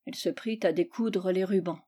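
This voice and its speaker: A woman reading a classic children's novel aloud in a measured, expressive storytelling manner. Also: on the low side, breathy edge. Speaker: reader. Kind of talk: scripted narration.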